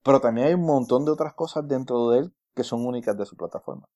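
Mellow-voiced man, earnest explainer. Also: mid-range voice, fast. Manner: earnest, explanatory, stammering starts. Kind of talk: casual podcast chat over a call.

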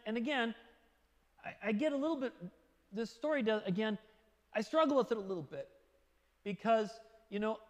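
High-voiced man preaching in an echoing hall. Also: fairly bright tone. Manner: informal, storytelling, acts out quotes in voices. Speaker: pastor. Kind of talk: conversational sermon.

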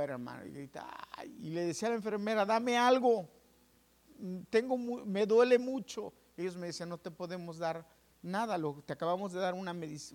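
Animated preacher telling his story. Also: fairly high pitch. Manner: animated storytelling, addresses listeners as brothers; acts out dialogue with doctors and nurses. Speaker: pastor. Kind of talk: sermon testimony.

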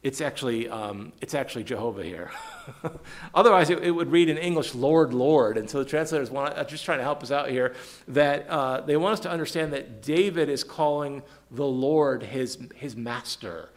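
A man's voice: mid-range voice, moderate pace. A man leading an evening Bible study, reading verses aloud with emphasis and quizzing listeners by name, often repeating words as he restarts.

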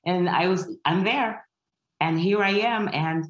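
Low-voiced actress in a dull, echoey room. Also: female voice. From Berlin, Germany. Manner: hesitant, full of "uh"s and quick asides. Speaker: stage actress. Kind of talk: casual interview chat.

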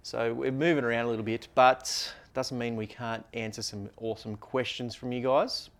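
A man's voice: mid-range voice, steady tone, moderate pace, fairly bright tone. A man co-hosting a podcast, explaining things in a loose, rambling, casual way. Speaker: podcast co-host.

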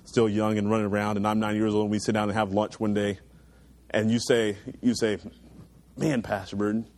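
A man's voice: little pitch movement, fairly quick, darkish tone. Earnest young man preaching to a youth group. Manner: earnest, emphatic preaching with rising pitch on key points. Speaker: youth pastor. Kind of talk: sermon.

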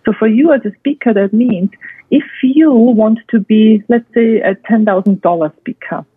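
A woman's voice: on the high side, normal speed, breathy edge, dry recording. A woman with a non-native English accent gives structured expert advice, emphatically listing and repeating her points. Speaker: guest expert and speaker. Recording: tinny phone-like line, dry.

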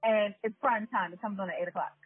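A woman in her thirties or forties from the New York area, hosting a casual chat and telling stories in an animated way. She laughs often and talks straight to her listeners. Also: medium pitch, fast, husky, no echo. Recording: tinny phone-like line, dry, faint music.

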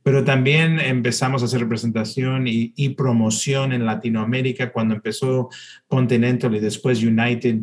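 A man's voice: mid-range voice, fairly even intonation, normal speed. A middle-aged man from Chile, a podcast guest telling his story in a chatty way, often restarting and repeating words. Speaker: podcast guest, city tourism promoter. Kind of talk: casual interview.

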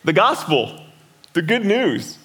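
A man's voice: high-pitched, very animated, slow pace, a bit bright. A middle-aged man preaching a sermon as a pastor in a conversational way, often repeating words and asking the listeners questions.

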